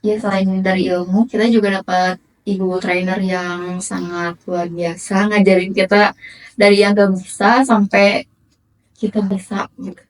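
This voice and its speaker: A woman in her twenties, a trainee, answering interview questions in a relaxed, plain way. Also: mid-range voice, unhurried, far from the mic, low-quality recording. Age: 20s.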